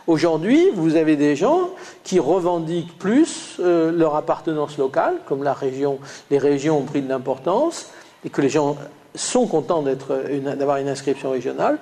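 A man lecturing a class in a somewhat high yet mellow voice, with a light Lyonnais accent. He stops and starts often, filling gaps with hesitant sounds. He talks the listeners through slides. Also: expressive, moderate pace. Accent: Lyonnais French, slight. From Lyon, France. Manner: hesitant, many "euh" fillers and restarts.

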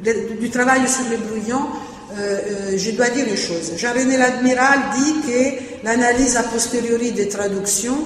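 A woman's voice: fairly high pitch, normal speed. A woman giving an academic lecture on translation and verse drafts, hesitant, with many fillers and restarts. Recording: very echoey hall, faint noise.

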